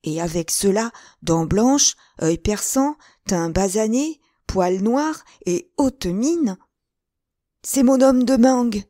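A woman's voice: on the low side, moderate pace, no room sound, clean studio sound, close to an everyday voice. Woman voicing d'Artagnan, eager young musketeer. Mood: excited. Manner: eager, rising to excited exclamations. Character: young hot-headed male musketeer.

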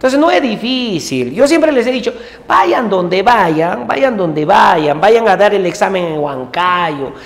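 High-voiced man drilling a class. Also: animated, slow. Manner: repetitive drilling with constant tag questions. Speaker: teacher. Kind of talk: exam-prep class lesson. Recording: long reverb room echo.

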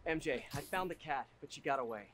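A man's voice: fairly high pitch, expressive, fast, noisy background, natural voice. An actor playing a wisecracking, earnest young male superhero in a video game, quippy and conversational, often as if to himself. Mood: flustered.

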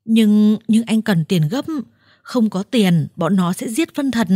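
A woman's voice: medium pitch, lively intonation, slow pace, dark tone, breathy edge, no echo, clean studio sound. A woman voicing a broken seventy-year-old man who pleads in a weak, trembling voice.

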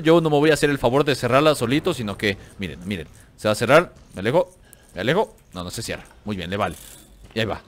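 A man with a Mexican accent giving excited, slangy commentary over his gameplay, joking, cursing playfully and talking straight to his viewers. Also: mid-range voice. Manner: excitable, slangy, jokes and teases the enemies, talks straight to viewers. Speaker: gaming channel host. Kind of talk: let's play gameplay commentary.

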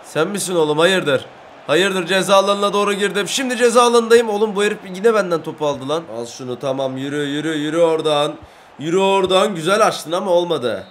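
Young man, high voice, excited gaming commentary, loud outbursts, trash talk, faint background ambience. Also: a little fast, slight background noise. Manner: loud bursts of shouting and trash talk at the game. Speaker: gaming YouTuber. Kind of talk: excited Let's Play commentary.

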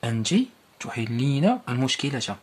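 A man with a Moroccan accent teaching a primary school Arabic lesson, explaining and repeating each word form slowly. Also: mid-range voice, animated, husky.

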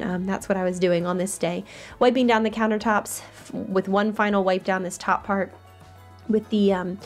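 Young woman, chatty home vlogger, mid pitch, soft music under the voice. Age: young adult. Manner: chatty, upbeat, many fillers. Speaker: lifestyle vlogger. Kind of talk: casual voice-over narration. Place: bedroom at home, indoors. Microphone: handheld camera at arm's length.

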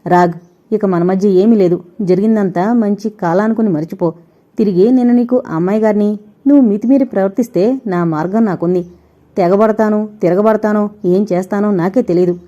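A woman voicing an arrogant, scornful rich young woman who talks in quick, cutting bursts, on a dull lo-fi recording. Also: mid-range voice, warm tone, close to an everyday voice.

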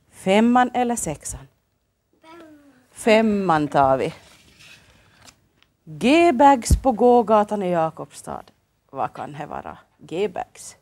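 A woman's voice: mid-range voice, darkish tone. A woman with a Finland Swedish accent hosting a children's TV show, coaxing the kids with cheerful, sing-song questions. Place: local TV studio.

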